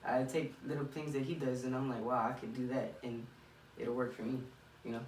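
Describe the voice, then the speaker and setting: A young man from Miami in the United States, a professional boxer, speaks casually in an interview, thinking aloud and repeating phrases. His voice sits at a medium pitch with little pitch movement and a fairly quick pace. The room is echoey, the mic distant, and there's faint noise.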